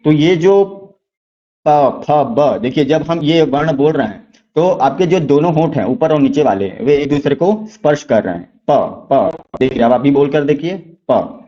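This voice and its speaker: A man teaching exam-prep lessons, walking through quiz questions step by step, asking rhetorical questions and repeating key answers slowly. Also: fairly high pitch, animated, dark tone, dull audio.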